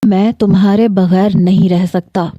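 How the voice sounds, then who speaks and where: A woman's voice: mid-range voice, fairly even intonation, mellow, no echo, close to an everyday voice. A woman voicing a desperate lovesick young man. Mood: pleading. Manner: pleading, insistent.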